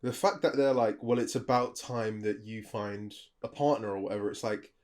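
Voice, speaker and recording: A man's voice: fairly low pitch, normal speed. A man co-hosting an advice podcast, talking animatedly, swearing and acting out what people say. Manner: animated, swears, acts out quoted voices. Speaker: podcast co-host. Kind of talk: casual advice chat.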